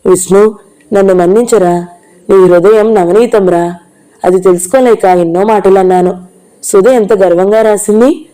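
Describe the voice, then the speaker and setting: Reader as a sorry, earnest aunt in a storybook reading; soft and warm timbre. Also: female voice, medium pitch, moderate pace, pauses often, lightly acted, low-quality recording. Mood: apologetic. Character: remorseful middle-aged aunt Kamalamma.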